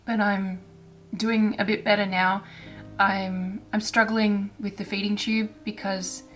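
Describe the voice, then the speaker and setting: Soft music plays behind this woman as she chats informally on her cross-stitch vlog. Her mid-range voice comes out flat, and throat irritation makes it rough and raspy; she talks quietly, stumbling and restarting frequently.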